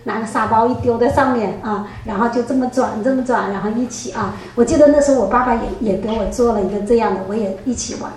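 A woman giving a spoken church testimony, telling her story in a lively way, often laughing and stretching out her sentence particles. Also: fairly high pitch, a little hiss or hum. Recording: very echoey room, distant mic.

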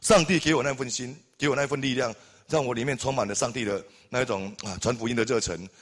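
A man's voice: medium pitch, fairly even intonation, quick pace. Fervent preacher man. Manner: impassioned, building to loud exclamations with repeated amens. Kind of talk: sermon.

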